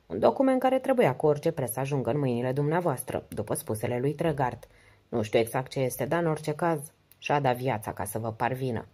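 A woman reading the lines of a charming, confident Englishman adventurer in an audiobook, in a calm, gallant manner. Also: very deep voice, slightly rough, heavily acted.

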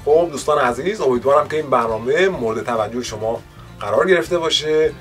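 A man hosts a woodworking tutorial, talking the viewer through each finishing step in a patient, courteous way. His voice sits at an ordinary middle pitch. Soft music plays faintly under his voice-over. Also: animated. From Iran. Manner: polite, patient explaining with formal courtesy phrases. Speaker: woodworking channel host. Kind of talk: instructional voice-over.

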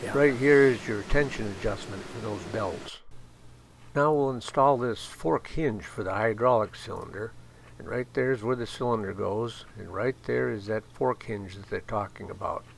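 With a lowish, gravelly voice at a moderate pace, an older man from the States walks viewers through assembling a machine. He talks plainly and haltingly with plenty of fillers, recorded outside amid constant background noise.

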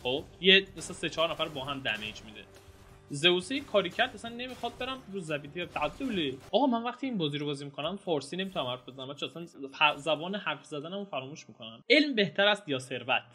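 A young man giving excitable, casual commentary while playing a video game, shouting and groaning at the action. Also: fairly high pitch, breathy edge, faint music behind. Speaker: gameplay streamer. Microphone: home mic with some noise.

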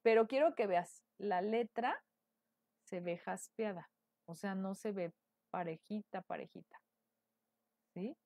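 A woman's voice: mid-range voice, slow, pauses often, warm tone, no room sound, studio quality. Chatty Mexican woman teaching painting. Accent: Mexican Spanish. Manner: chatty, asks viewers questions often. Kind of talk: live painting tutorial.

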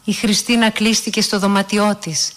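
A woman narrates a family story aloud at a calm, measured pace. Her pitch sits in an ordinary middle range. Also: big-room sound.

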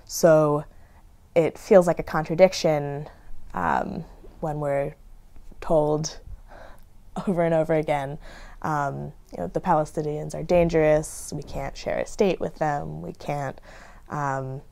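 Woman in an interview, real low creaky voice, lots of ums, thinking it through. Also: fairly even intonation, warm tone. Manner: thoughtful, halting, many ums. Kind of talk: documentary interview.

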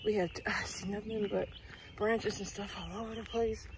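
Out for a pre-dawn walk, a tired, talkative middle-aged woman chats for her vlog, her sentences fading into ums. She speaks in a steady mid-range voice at a moderate pace over background noise, recorded on wireless earbuds with the phone held out at arm's length.

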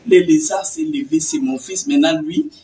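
An older woman telling a personal faith story in an animated way, dropping to whispers and laughing as she talks. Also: deep voice, normal speed, distant mic, slight background noise. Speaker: testimony speaker.

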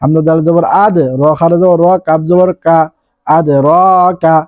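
A man teaching Quran reading in a Bangladeshi Bengali accent, spelling each word out letter by letter and stretching the recited words slowly. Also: on the high side, steady tone, darkish tone, clean tone, dry recording, dull audio. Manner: slow, drawn-out recitation between quick explanations.

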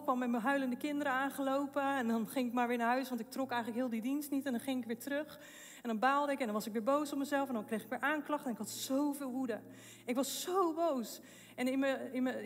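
A woman giving an emotional testimony at a faith event, telling her story with laughs and broken-off phrases, then rising into fervent preaching. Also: high voice. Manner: impassioned, rising to fervent proclamations. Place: event hall with long reverb. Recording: long echo of a large hall.

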